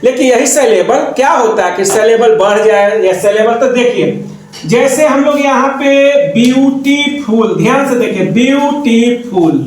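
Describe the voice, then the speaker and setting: A man's voice: very high voice, a little mellow, very echoey. A man with a Hindi accent teaching an English grammar lesson, repeating terms and asking and answering his own questions. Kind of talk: classroom lesson explaining grammar.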